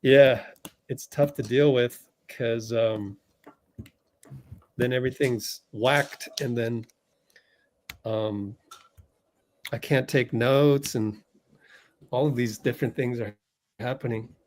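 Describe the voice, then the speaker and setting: With slight background noise, a man hosts a fan livestream, doing play-by-play in a medium-pitched, steady, somewhat mellow voice at a slow pace with frequent pauses. Tech trouble leaves him flustered and rambling, full of fillers and talking to himself as he works on it.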